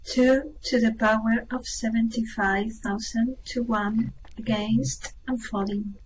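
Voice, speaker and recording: A woman plays a calm starship officer in an amateur radio play. Her voice is slightly high and slow, measured and reassuring, with faint noise behind it. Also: rough recording. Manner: measured, formal.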